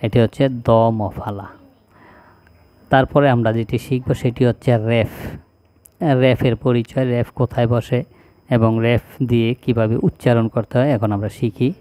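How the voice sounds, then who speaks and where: A male teacher, slowly reciting a spelling lesson item by item in an even drill. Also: mid-range voice, dry recording. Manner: slow, even, drilling one item after another.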